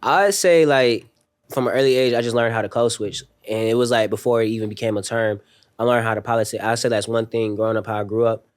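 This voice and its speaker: As a podcast guest, a young man who grew up overseas in a military family shares stories in a relaxed, slang-heavy style packed with fillers. He speaks at a medium pitch with a steady tone and quick pace.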